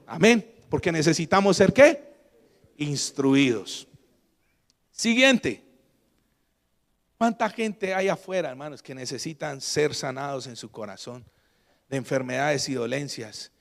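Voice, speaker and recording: In a large hall, a Colombian man serving as guest pastor preaches emphatically, alternating loud and quiet moments and drawing call-and-response from the congregation. His voice is a little high and gravelly.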